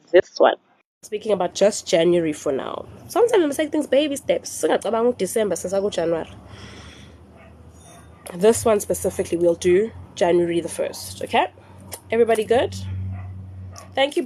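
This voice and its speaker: A woman's voice: mid-range voice, warm tone. South African woman hosting a live stream. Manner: mixes English with Zulu phrases, repeats instructions slowly. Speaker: spiritual live-stream host. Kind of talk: casual live-stream instruction. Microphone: phone.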